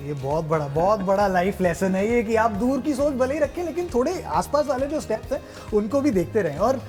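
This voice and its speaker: A man's voice: high-pitched, animated, fairly quick, a little mellow, faint music behind. A man hosting a sports interview, asking questions in a chatty, enthusiastic way and affirming answers often. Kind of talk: casual interview.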